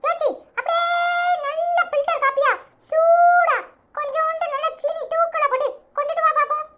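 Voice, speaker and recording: A woman's voice: extremely high pitch, steady tone, moderate pace, voice pushed up. A woman voicing a cheeky, teasing village grandson in a cartoon, with a Tirunelveli accent and a chuckling, bantering manner. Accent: Tirunelveli Tamil. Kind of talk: cartoon voice acting. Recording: loud background noise.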